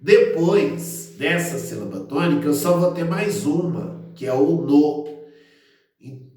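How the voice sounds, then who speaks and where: A man teaching a grammar lesson online, explaining slowly with frequent fillers and restarts. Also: fairly high pitch, lively intonation, darkish tone, far from the mic, faint music behind. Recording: very echoey room, voice a bit off-mic.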